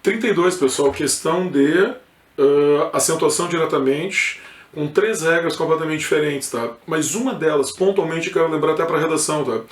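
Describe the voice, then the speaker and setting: A man's voice: fairly high pitch, moderate pace. A man with a southern Brazilian accent from Rio Grande do Sul, teaching an informal exam review lesson and often checking in with his students. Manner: informal, peppered with checks like "correto?" and "tá?". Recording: echoey room.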